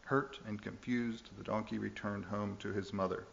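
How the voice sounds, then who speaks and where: Earnest, low-voiced male preacher. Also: steady tone, moderate pace, creaky, lo-fi sound, a little hiss or hum. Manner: earnest, emphatic, with urgent questions to the listeners. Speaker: pastor. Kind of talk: sermon.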